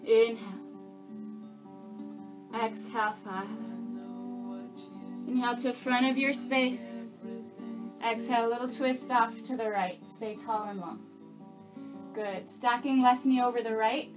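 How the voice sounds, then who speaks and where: A woman's voice: a little high, steady tone, measured pace, long pauses, low-quality recording. A woman teaching yoga, giving encouraging, easygoing step-by-step cues and counting breaths over the movements. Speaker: yoga instructor. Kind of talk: guided yoga class instruction with breath counts. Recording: plucked guitar music behind the voice. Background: guitar music.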